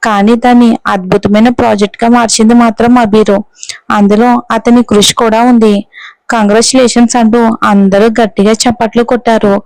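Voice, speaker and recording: A woman narrating a serialized romance audio story in a steady storytelling manner. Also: a little high, clear, resonant tone, no echo, rough recording. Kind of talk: scripted narration.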